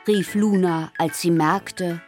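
Calm lady narrating a kids story, low voice, faint music. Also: slow pace. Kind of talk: storybook reading for children.

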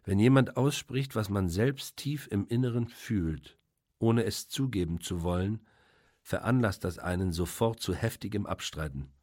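Low-voiced man reading a novel aloud. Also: moderate pace, darkish tone. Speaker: audiobook narrator. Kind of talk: first-person novel reading.

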